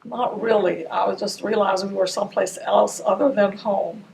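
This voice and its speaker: An older woman from Ramallah, a native Arabic speaker, recalls her childhood in an oral history interview captured by a distant mic with faint noise. Her medium-pitched voice is creaky and a little mellow, with fairly even intonation at a normal speed.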